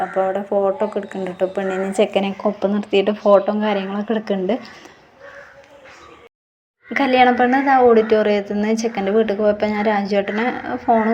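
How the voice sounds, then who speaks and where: A woman's voice: medium pitch, warm tone, slight background noise. A woman with a Keralan accent, narrating her own vlog in a chatty, casual way, tagging her sentences with friendly little asides. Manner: chatty, tags sentences with "ട്ടോ" and "കേട്ടോ". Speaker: vlogger.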